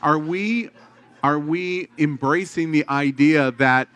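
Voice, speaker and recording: Bright-voiced male podcast host. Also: on the high side, takes it slowly, smooth, no echo. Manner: hesitant, full of restarts and fillers, playful. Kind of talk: casual group chat.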